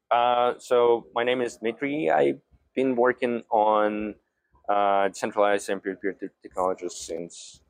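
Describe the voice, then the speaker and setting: A man, a software engineer guest, explaining his work in a halting way with many fillers. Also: fairly low pitch, no echo. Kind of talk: podcast interview.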